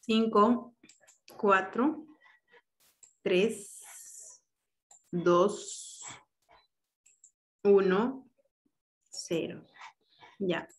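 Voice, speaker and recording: A woman's voice: medium pitch, extremely slow, pauses often. A woman teacher running an online class, giving directions and patiently explaining grammar with examples.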